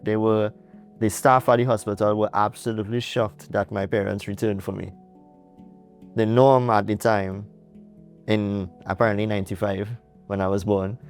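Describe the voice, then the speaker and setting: A man's voice: fairly low pitch, clean tone. A young Trinidadian man, a guest in an interview, telling his story earnestly with restarts and light laughs. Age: young adult. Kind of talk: casual interview.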